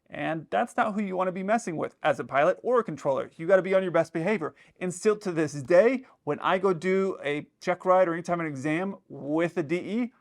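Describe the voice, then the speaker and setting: A pilot who also hosts gives casual commentary, explaining things while conversationally acting out imagined dialogue. His voice sits fairly high in pitch.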